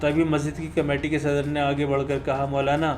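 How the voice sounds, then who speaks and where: A man telling a motivational story as scripted narration, in a steady, earnest way. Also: on the high side, normal speed. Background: faint music.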